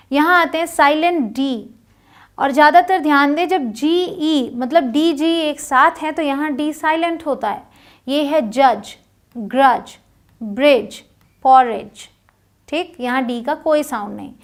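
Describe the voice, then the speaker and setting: A woman teaching English pronunciation in Hindi, spelling out letters and then saying each word slowly and clearly. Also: sits high. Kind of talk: phonics lesson.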